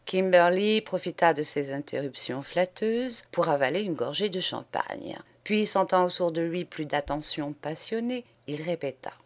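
A woman reading a classic novel aloud in measured, expressive narration. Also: on the low side. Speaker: audiobook reader. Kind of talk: scripted narration.

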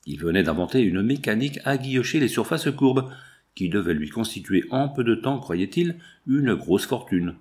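A man's voice: on the low side, expressive, normal speed, darkish tone, natural voice. A man voicing a distressed middle-aged woman who earnestly pleads her case to a magistrate in an audiobook.

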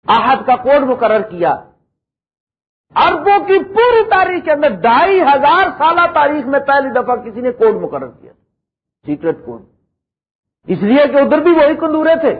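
A middle-aged male preacher giving a dramatic lecture, swinging between emphatic high lines and quiet low ones, reciting verse slowly. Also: breathy edge. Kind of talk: Urdu religious lecture. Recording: tinny phone-like lecture recording.

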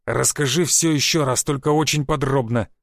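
A man's voice: medium pitch, moderate pace, vocal fry, a bit bright, no echo, clean studio sound. A man voicing an angry, cursing male secret police chief who scolds his agent in an audiobook. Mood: stern. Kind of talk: audiobook character voice.

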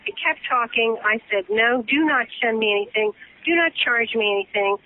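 A woman's voice: a little high, normal speed. A woman heard over the phone, arguing indignantly and insistently, repeating herself as the target of a prank call. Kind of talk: angry phone argument. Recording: muffled phone line with faint hiss.

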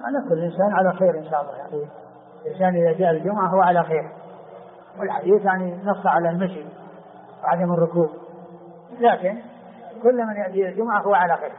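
Man teaching hadith over a tinny line. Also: sits high. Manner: explains slowly, repeats phrases, many fillers. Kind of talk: classical Arabic lesson commentary. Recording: tinny phone-like lo-fi recording with faint hiss.

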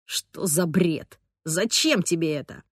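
Woman narrator voicing a sullen stubborn teen boy, low and quiet, dry close reading. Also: lively intonation, slow pace, slightly rough, no room sound, heavily acted. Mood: sulky. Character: sulky withdrawn teenage boy, stubborn.

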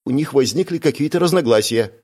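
A man's voice: medium pitch, lively intonation, fast, a little mellow, voice pushed up, lightly acted. A man doing a tearful, frightened young woman. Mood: pleading. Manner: pleading, breathless swearing.

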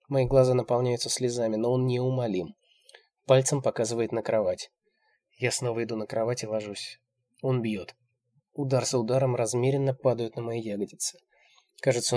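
A man narrating a first-person audiobook in a steady, measured reading. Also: mid-range voice.

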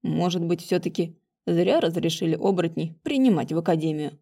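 A woman's voice: on the low side, a little fast, mellow, pitched below the performer's own voice. A woman reading an audiobook, voicing an exhausted male magister muttering to himself. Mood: weary. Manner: tired, muttering. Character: weary, drained male academy magister.

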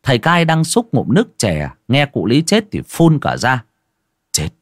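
A man narrating a ghost story theatrically, dropping to a hush and rising sharply. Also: mid-range voice, huge pitch swings, moderate pace, dry recording, studio quality. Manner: theatrical, swings from hushed to loud.

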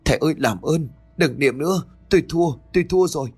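A man voicing a shrill, female-sounding spirit that has possessed a man and begs in pain. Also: a little fast, darkish tone, breathy edge, soft background music. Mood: pained pleading. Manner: shrill, pleading.

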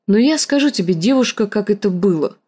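Reading an audiobook, a woman with a mid-range voice takes on the role of a scarred, bitter, hulking male warrior. Her performance is animated and dark, with a rasping, gruff delivery that's slow and menacing.

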